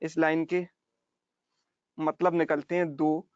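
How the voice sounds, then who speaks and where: A high-voiced male math teacher explains step by step in an online class, repeating key points and checking in with his students. The sound is dry and a little muffled, with no room echo. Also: level tone, slow, clean tone.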